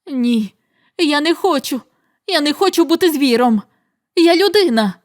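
A woman reader voices a young man in agony, fighting the beast inside him. His cries come out loud, strained and high. He sounds desperate and cornered. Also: animated, slow. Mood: anguished. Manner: desperate, shouting in pain.

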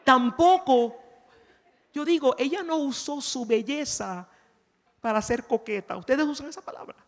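A woman's voice: high voice, a little slow. A woman giving a chatty, playful sermon at a conference, often asking her audience questions. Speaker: conference speaker. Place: church conference hall. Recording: long reverb of a large hall.

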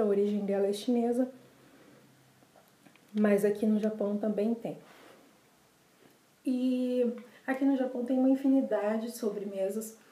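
A fairly high, dark-toned voice belongs to a young adult woman with a Brazilian Portuguese accent who casually vlogs to the camera, showing desserts and repeating words for emphasis. She's recording in a small, bare room indoors, and the sound is echoey.

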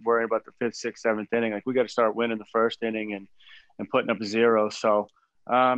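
A man in his forties, a head baseball coach, answering press questions after a game in a measured way with many fillers and restarts, over a video call from a small room. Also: lowish voice, a bit bright, smooth, dry recording. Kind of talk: postgame press conference. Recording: dull dry video call audio.

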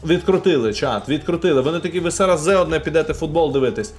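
A man's voice: a little high, fast, soft background music. A young man from Ukraine casually commenting live while opening game packs and talking to his chat. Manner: chatty, animated, talks to chat.

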